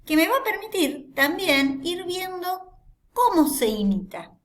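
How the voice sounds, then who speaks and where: Woman lecturer, slow and animated, rhetorical questions throughout. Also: very high-pitched. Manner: explains step by step with rhetorical questions and frequent tag "¿no?". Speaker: teacher. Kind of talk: philosophy lecture.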